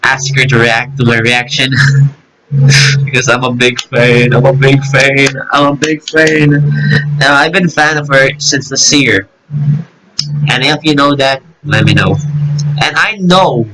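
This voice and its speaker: A man's voice: medium pitch, background noise. A young man around twenty chatting alone to his camera, rambling and joking at his own expense, swearing freely. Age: 20s. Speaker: YouTuber reacting to videos. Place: alone in a room.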